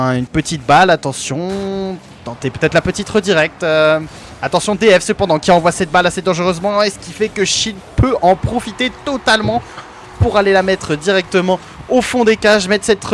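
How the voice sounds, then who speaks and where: A man's voice: high-pitched, slight background noise. A man giving amateur play-by-play commentary on an esports match for his own team, hesitant, with many fillers and self-corrections.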